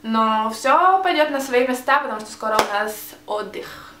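With lively intonation and a fairly high pitch, a young adult vlogger speaks at a moderate pace, though her Russian, a second language she speaks with a Hebrew accent, is full of hesitations and restarted words. She's seated facing a camera mic in a small, bright room indoors for a casual tag video. The recording is reverberant, with background noise.

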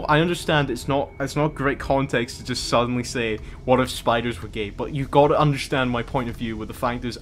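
A man's voice: mid-range voice, a little hiss or hum. A young man streamer in casual, rambling chat who often stops and restarts his words.

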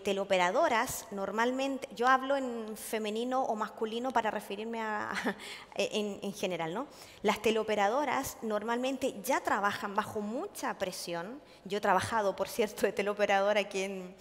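A woman giving a conference talk to an audience, earnest and full of hesitations, often checking in with her listeners. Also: medium pitch. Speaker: conference speaker. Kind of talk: public lecture to an audience. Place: large conference hall. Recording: long hall reverb.

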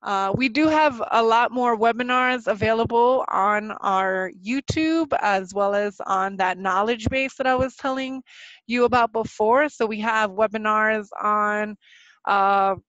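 A woman's voice: a little high, fairly bright tone, no room sound. Nervous woman hosting a webinar. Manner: nervous, halting, many fillers and restarts. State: slightly sick voice. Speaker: webinar presenter. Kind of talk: live webinar presentation with Q&A. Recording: dull, lo-fi dry webinar audio.

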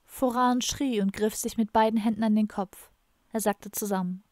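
Woman, author reading aloud, middle pitch, dramatic narration, dry close recording. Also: fairly even intonation, moderate pace, a little mellow, no echo. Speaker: author reading her novel. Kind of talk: audiobook narration.

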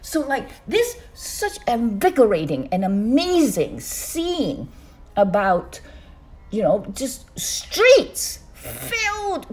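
Older woman vlogger from Hong Kong, slow and animated, lively swooping pitch, close phone mic. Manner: animated, gesturing with both hands, swooping pitch. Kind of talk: casual monologue to camera. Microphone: phone on a stand close to her.

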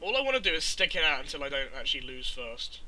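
A young man giving casual let's-play commentary over a headset, exasperated and swearing as he reacts quickly. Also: a little high, very animated, sharp tone, low-quality recording. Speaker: gamer commentator.

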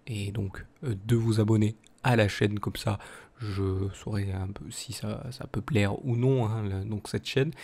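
A man's voice: lowish voice, vocal fry, warm tone. A man with a French accent hosting his small channel, talking casually with many fillers and restarts. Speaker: youtube channel host. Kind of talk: casual video outro commentary.

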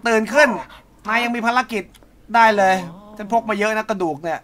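A man commentating live on his own gameplay, excitable, with loud exclamations and repeated cries. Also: sits high, a little fast. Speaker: game streamer. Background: game music.

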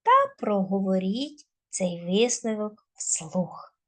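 A woman teacher giving a recorded video lesson to schoolchildren, dictating word lists slowly and clearly. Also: medium pitch, huge pitch swings.

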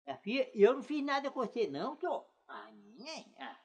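A man's voice: extremely high pitch, very animated, fairly quick, vocal fry, darkish tone, husky, exaggerated voice. A man playing a naive, flustered country fellow who keeps exclaiming in confusion. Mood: protesting. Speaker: comic lead.

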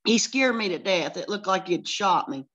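A woman's voice: mid-range voice, animated, moderate pace, fairly bright tone, highs cut off. An older woman with a Southern US country accent, telling a chatty story on a casual group video call.

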